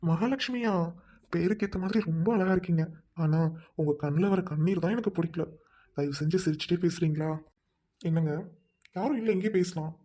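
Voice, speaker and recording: A woman voicing a kind young man who gently coaxes a crying stranger and jokes a little. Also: lowish voice, a little fast, long pauses, close to an everyday voice. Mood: coaxing. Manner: soothing, coaxing, lightly joking. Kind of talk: amateur dialogue drama.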